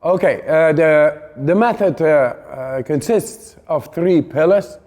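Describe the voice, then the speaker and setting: A man's voice: on the high side, slow, a little mellow, in a large hall, faint music behind. A man hosting a video course, speaking with many hesitations and fillers. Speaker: course host. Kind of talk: introducing a course.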